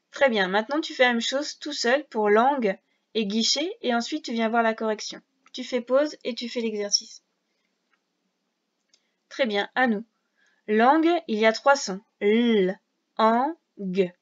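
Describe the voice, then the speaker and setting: A woman teaching a reading lesson to young children, patiently sounding out syllables and letters one by one. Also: on the high side. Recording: dull lo-fi sound.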